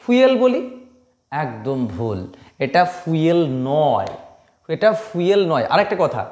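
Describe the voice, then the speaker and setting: Man teaching pronunciation, high voice, emphatic drilling, echoey room. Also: big pitch swings, a little mellow. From Bengal. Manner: emphatic, repeats words slowly to drill them. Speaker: English teacher. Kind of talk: pronunciation lesson.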